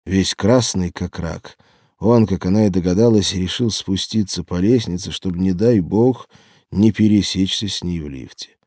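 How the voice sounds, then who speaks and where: A man narrating an audiobook in a measured storytelling manner. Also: deep voice, a little mellow, no room sound, studio quality. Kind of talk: scripted narration.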